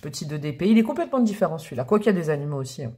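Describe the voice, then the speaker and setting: A woman's voice: deep voice, sing-song, very fast, mellow. A woman giving a casual tarot card reading to her viewers, chatty and affectionate, calling them pet names and gushing over the cards. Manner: enthusiastic, often exclaims over the cards. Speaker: tarot reader.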